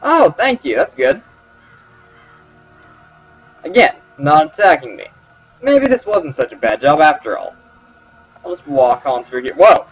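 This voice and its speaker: A man's voice: fairly high pitch, very animated, measured pace, long pauses, breathy edge. A man commentating his gameplay, sarcastic and joking as he talks to the characters. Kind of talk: let's play commentary. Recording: slightly dull with game music.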